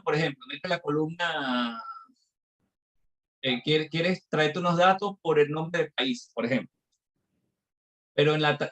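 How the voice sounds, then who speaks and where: A man's voice: fairly high pitch, a bit bright. A male instructor teaching a live online class, explaining patiently step by step with examples.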